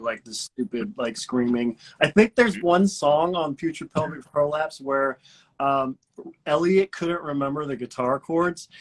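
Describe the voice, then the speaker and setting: A man's voice: mid-range voice, a bit bright, low-quality recording. A young man, a guitarist and vocalist, chatting casually in an interview, telling rambling stories with laughs and crude language.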